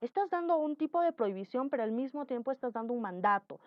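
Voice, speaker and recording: A woman with a slightly high voice teaches a grammar lesson, explaining slowly and patiently and acting out example sentences with lively intonation. The recording is dry and lo-fi.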